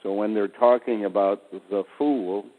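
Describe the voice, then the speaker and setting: Low-voiced guy talking slow over a phone line, kinda echoey, spells out words as he goes. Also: steady tone. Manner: slow, deliberate wordplay explanations. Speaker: guest speaker. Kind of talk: casual phone conversation. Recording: tinny phone line with reverb.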